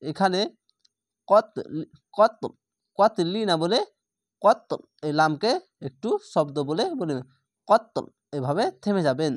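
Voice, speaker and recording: A man with a fairly high voice teaches reading aloud, spelling out syllables one by one before chanting each word slowly and stretching the vowels. The sound is close and dry, with no room echo. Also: expressive. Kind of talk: slow spelled-out recitation lesson.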